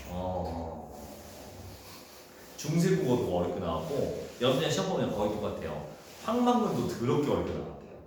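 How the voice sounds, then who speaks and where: A man teaching a high school Korean class, talking casually through exam questions and thinking aloud. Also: a little mellow. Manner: casual, thinks aloud, acts out quoted dialogue in a raised voice. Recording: echoey room with faint noise.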